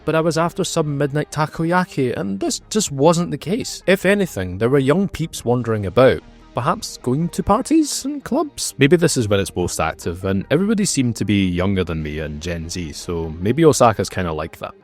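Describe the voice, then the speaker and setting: A man's voice: medium pitch, animated, brisk, few pauses, soft background music. Wry man narrating a travel vlog. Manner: wry, sarcastic asides with playful emphasis. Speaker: travel vlogger.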